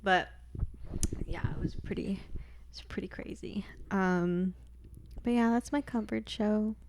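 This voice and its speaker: A young woman co-hosts a casual podcast, taking her time as she tells stories. Her delivery is drawn-out and relaxed, full of slang and little laughs. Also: medium pitch. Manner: slow, giggly storytelling with slang. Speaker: podcast co-host. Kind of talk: casual chat.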